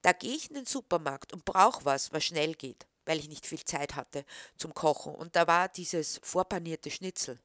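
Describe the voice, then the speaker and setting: A woman's voice: sits low, animated, moderate pace, hardly any pauses, a bit bright, no room sound, studio quality. A woman voicing an indignant, pushy woman customer who scolds sharply and defensively.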